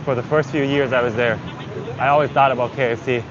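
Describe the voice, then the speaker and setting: Busy street sounds—heavy traffic, vehicles, urban noise—dominate this dull outdoor recording from a city street. A man speaks fast with a medium pitch and fairly even intonation, a native Vietnamese speaker chatting casually and rambling in English like a travel livestreamer thinking aloud on the go.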